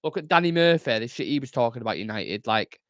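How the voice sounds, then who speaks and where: A man's voice: medium pitch, animated, quick pace, no echo, studio quality. A young man, hosting a live football watchalong, chatting casually, swearing freely and answering viewers. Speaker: fan channel host.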